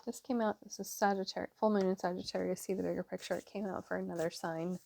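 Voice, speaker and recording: A woman's voice: mid-range voice, steady tone, fast, creaky, darkish tone. A woman giving a casual tarot reading to her viewers, chatty and rambling with many fillers. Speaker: tarot reader.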